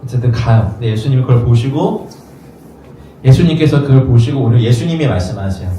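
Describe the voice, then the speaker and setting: A man's voice: mid-range voice, lively intonation, fast, mellow. Male pastor giving a chatty sermon, very echoey room, a bit far from the mic. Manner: conversational, acts out quoted voices. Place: rented studio space used for worship. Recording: echoey room, mic at a distance, faint noise.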